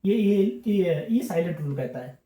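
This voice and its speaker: A man's voice: sits high, expressive, measured pace, mellow. Patient man teaching in an echoey room. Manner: patient, repetitive explaining, checking in often. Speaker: English teacher. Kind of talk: classroom-style grammar lesson.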